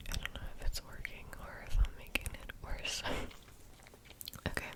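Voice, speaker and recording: A woman speaking softly and haltingly in whispered ASMR, gently repeating her words, close to the microphone. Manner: soft, gentle, halting, repetitive. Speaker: ASMR host. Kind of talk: whispered ASMR personal-attention talk.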